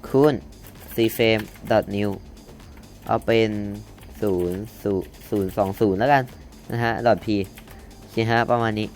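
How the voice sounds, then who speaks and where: Slow, low-voiced young man talking through code. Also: fairly even intonation, soft background music. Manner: thinks aloud while typing, reads code out word by word, self-corrects. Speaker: coding tutorial host. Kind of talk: casual screen-recorded coding lesson.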